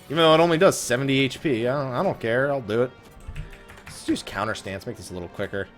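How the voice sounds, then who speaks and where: Talking fast at a medium pitch, a man hosts a gaming let's play with casual commentary. He curses and gripes with sarcasm as faint music plays behind him.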